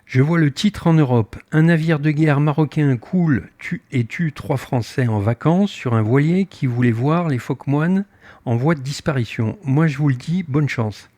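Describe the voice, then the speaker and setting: A man's voice: on the high side, normal speed, no echo. An older man, a sailboat captain, recounting his voyage and acting out his own heated exchanges in casual spoken storytelling. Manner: animated, acts out his own heated dialogue.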